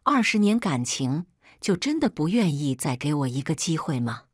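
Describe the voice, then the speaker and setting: A woman's voice: low-pitched, sing-song, normal speed, husky, no room sound, studio quality, exaggerated voice. A woman voicing a remorseful, dying middle-aged father who begs his family for forgiveness in a read-aloud story. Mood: pleading. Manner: pleading, apologetic. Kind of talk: storybook character reading.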